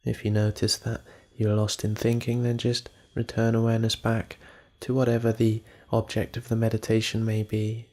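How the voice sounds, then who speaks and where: A man with an even pitch guides a meditation, narrating calmly and in a measured way with unhurried pauses.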